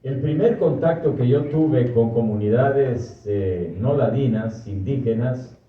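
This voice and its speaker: An older man, a priest from Guatemala with a Guatemalan Spanish accent, giving a slow, thoughtful personal talk and often correcting himself. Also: medium pitch. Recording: distant, echoey, muffled hall recording.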